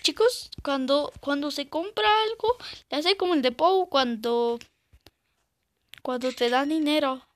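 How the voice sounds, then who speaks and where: A woman's voice: high voice, a little slow. A woman gives casual, hesitant commentary while playing a game and sometimes squeals in panic. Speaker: gaming channel host.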